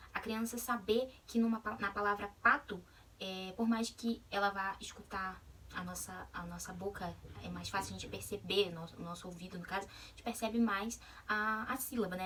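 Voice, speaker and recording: A woman's voice: mid-range voice, a bit bright, recorded from a distance, a little hiss or hum. A Brazilian woman giving a video lesson on literacy, talking with many hesitations and check-ins to her audience. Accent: Brazilian Portuguese. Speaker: literacy educator.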